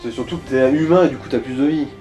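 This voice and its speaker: Over music, a man co-hosting a gaming video gives casual, slangy Let's Play commentary and coaches a player, swearing now and then. His voice is medium-pitched and fast, with the highs cut off.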